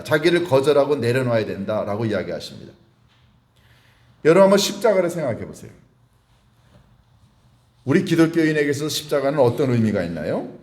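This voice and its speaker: A man's voice: on the high side, darkish tone. Pastor guy preaching, voice rises and falls a lot, roomy church echo. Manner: explains word meanings and asks the congregation questions. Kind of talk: sermon. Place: church sanctuary. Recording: echoey church hall.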